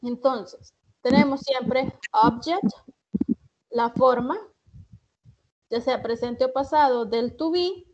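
A woman with a Salvadoran Spanish accent teaching English in an online class, explaining slowly and reading example sentences with care. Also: high voice, darkish tone, slight background noise. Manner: slow, deliberate, reads English examples carefully. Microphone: video call. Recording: muffled online-class audio.

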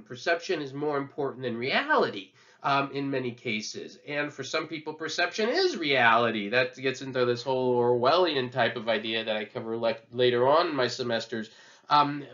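A man teaching history in a relaxed, conversational lecture, full of asides and fillers. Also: a little high, dull audio.

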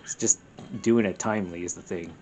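A man's voice: low-pitched, fairly even intonation, fairly quick, darkish tone, faint music behind. A man chatting casually while playing a co-op video game, laid-back, chuckling, often trailing off mid-sentence. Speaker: co-op game player. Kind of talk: casual gameplay chat.

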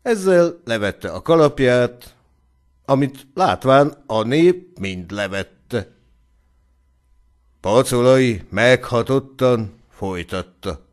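A man's voice: mid-range voice, expressive. A man reading a story aloud as an audiobook narrator, in a scripted narration.

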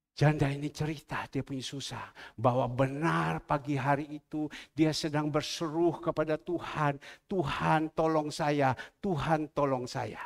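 A male pastor with a lilt preaches at a church service. He tells his story in an animated way, switching between voices as he quotes people, and his pitch swings sharply from low to high. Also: creaky. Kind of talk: sermon storytelling.

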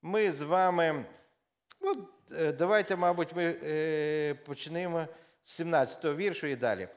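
Preacher, male, fairly high voice, relaxed sermon delivery with "uh" fillers, lifts his voice for scripture readings. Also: moderate pace. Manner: conversational preaching with fillers and self-corrections; reads scripture aloud with raised emphasis. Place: church.

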